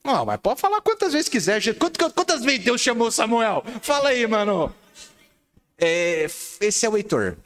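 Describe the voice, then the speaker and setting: A middle-aged man with a Brazilian Portuguese accent leads a playful, animated sermon. His voice sits a little high and swings widely in pitch as he jokes with the congregation, then turns to teaching. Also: unhurried. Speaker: pastor. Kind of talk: lively sermon with audience game.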